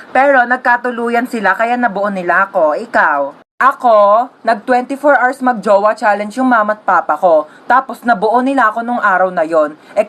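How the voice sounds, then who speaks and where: A woman acting out every part of her own comedy skits, jumping between shrill yelling and low mock voices. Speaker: comedy sketch creator. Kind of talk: skit acting, playing every part herself.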